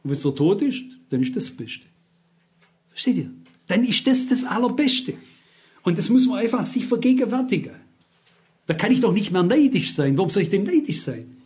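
A man's voice: high-pitched, very animated, moderate pace, a little mellow. A man in his sixties preaching a sermon, emphatic and constantly asking his listeners rhetorical questions.

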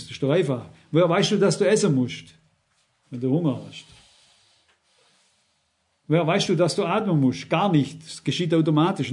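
Earnest German-speaking male preacher, higher voice. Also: a little mellow. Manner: earnest, repeats phrases, addresses the congregation directly. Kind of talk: sermon.

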